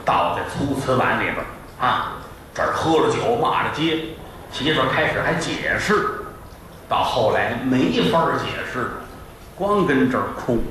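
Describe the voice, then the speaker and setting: A man's voice: mid-range voice, a bit bright, slight background noise. A middle-aged man telling a comic traditional story with playful asides on a live stage, recorded from a distance in an echoey hall.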